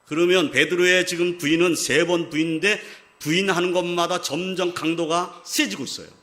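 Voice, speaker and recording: A man's voice: high-pitched, fairly even intonation, normal speed, bright, forceful tone. A man preaching a Sunday sermon as pastor, explaining a scripture passage and pressing key points with emphatic stress. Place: church sanctuary.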